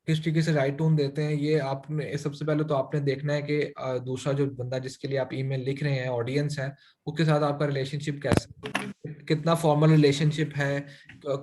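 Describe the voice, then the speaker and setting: A man's voice: on the high side, darkish tone. A man teaching an online finance class, speaking Urdu-Hindi with many English phrases and frequent fillers. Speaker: finance instructor.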